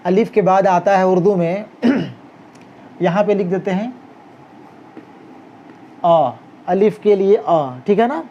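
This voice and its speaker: A man teaching a handwriting lesson, talking slowly through each stroke as he writes and checking in with a rising "okay?" after every step. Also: high-pitched, mellow. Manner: talks while writing, guiding each stroke. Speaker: Urdu teacher. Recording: dull lo-fi recording with faint noise.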